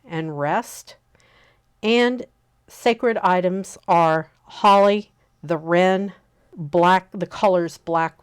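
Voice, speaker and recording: A woman in her fifties hosting a relaxed spoken lesson, unhurried and often pausing to check in with an "okay?". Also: lowish voice, smooth. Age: 50s. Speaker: host teaching on pagan practice.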